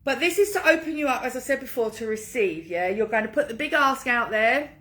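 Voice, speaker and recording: A woman with a very bright, fairly high voice speaks as a coach to her online group. She talks casually, as on a livestream, in an informal pep-talk manner, pressing her points with repetition. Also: expressive, fairly quick.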